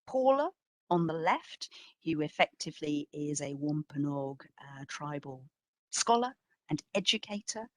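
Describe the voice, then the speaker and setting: An exhibition curator gives a public history lecture with slides, speaking in a slightly low voice at a very unhurried, measured pace. She stresses key phrases with lively intonation and poses rhetorical questions to her audience. The sound is dry and close, with no echo.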